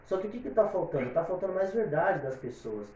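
His voice is high-pitched, sing-song and mellow, and he talks fairly quickly. This guest singer from São rambles through his opinions in a casual podcast chat, leaning on repeated fillers, with a distant mic in a very echoey room and slight background noise.

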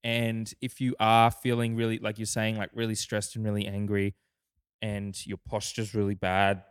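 Man, young adult, podcast co-host, casual rambling chat, low voice, smooth tone. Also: monotone, normal speed. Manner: rambling, many restarts and fillers.

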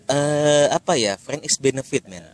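A man's voice: mid-range voice, measured pace. A man with a Jakarta accent hosting a casual podcast chat in informal, joking Jakarta slang. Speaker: podcast host. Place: coffee shop.

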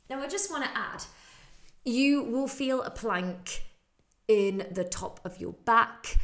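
A fitness instructor talking from under a table on the floor while holding a plank, chatty and self-mocking. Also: female voice, mid-range voice. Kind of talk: live online exercise class.

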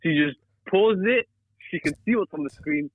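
Young guy teasing his mate, husky voice, sounds like a phone line. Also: high voice, moderate pace, no echo. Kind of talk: casual chat.

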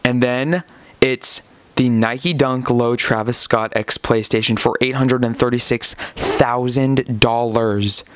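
A man hosts a podcast in a casual style, moving between reading items and commenting on them. His voice sits at an average pitch. The sound is dry, with little room in it. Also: steady tone, slow, no echo. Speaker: podcast host.

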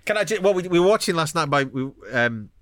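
A man's voice: fairly high pitch, animated, fast, background noise. A British man chatting casually on a podcast, jokey and given to putting on voices mid-story. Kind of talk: casual chat.

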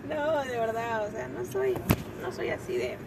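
A woman's voice: fairly high pitch, huge pitch swings, a little slow, noisy background. A young woman, chatting casually with a friend, giggling and teasing. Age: young adult. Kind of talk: casual chat between friends.

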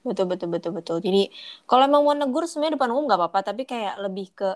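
A woman's voice: fairly high pitch, lively intonation, racing. Chatty woman explaining with examples. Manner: chatty, explains with examples, mixes in English phrases. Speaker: podcast co-host. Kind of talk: casual chat.

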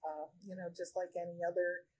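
A woman who directs a regional office of a state agency, answering interview questions in a measured way with many fillers. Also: lowish voice, little pitch movement, husky, rough recording. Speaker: regional director of a state human rights agency, podcast guest.

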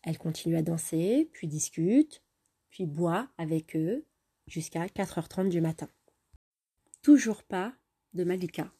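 Husky, mellow woman storyteller. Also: fairly low pitch, expressive, unhurried. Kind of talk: narrated story reading.

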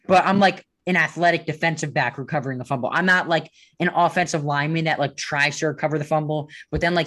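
A man's voice: a little high, fairly bright tone. A man co-hosting a casual sports podcast, joking around, making puns and teasing his co-host. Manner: playful, jokey, punning, teasing.

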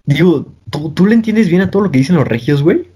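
A man's voice: fairly high pitch, animated, quick pace, mellow, breathy edge. A young man from Mexico City talking in a casual, slangy, joking way as a podcast co-host. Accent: Mexico City Spanish. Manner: slangy, joking, imitates northern speech. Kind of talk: casual chat.

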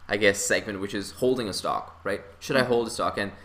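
A young man hosts a casual podcast about investing. His voice sits a little low but comes across bright and forceful. He rambles from point to point and keeps chuckling as he goes. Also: a little fast. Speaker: podcast host.

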